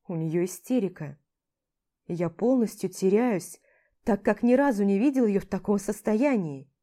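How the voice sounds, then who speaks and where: A woman narrating a first-person story aloud in a steady, expressive reading. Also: medium pitch. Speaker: audiobook reader.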